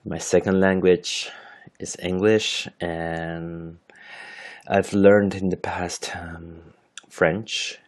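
Speaking at a low pitch, a Chilean man in his thirties runs an unscripted solo podcast in English. Spanish is his first language and his Chilean accent shows; he hesitates, fills pauses and keeps correcting himself.

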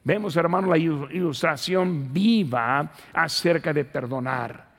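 Guy preaching in church, kinda high voice, lots of hall echo, speeds up then slows way down for scripture. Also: a bit bright. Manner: preaching with sudden emphatic bursts and slow scripture reading. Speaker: pastor. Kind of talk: sermon. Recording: long hall reverb.

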